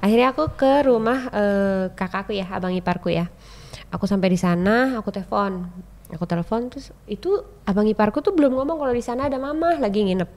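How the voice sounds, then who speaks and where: A woman tells a long personal story as a podcast guest, speaking at a middling pitch. She is chatty and animated, and she keeps turning to the host as she talks. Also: brisk. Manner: animated, acts out quoted people with sharp jumps in pitch and loudness. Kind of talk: casual storytelling chat.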